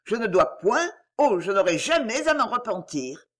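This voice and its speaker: Woman doing a volatile noblewoman, passionate and declamatory, raised pitch, lots of melodic movement. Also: big pitch swings, measured pace. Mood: anguished. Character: proud, volatile aristocratic lady in anguish.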